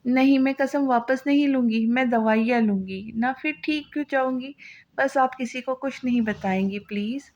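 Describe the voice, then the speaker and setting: Lady reading a tired gentle young woman, soft pleading, high-ish, lo-fi sound. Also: a little slow, natural voice. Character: weary, gentle young woman, quietly resigned. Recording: slightly dull lo-fi audio.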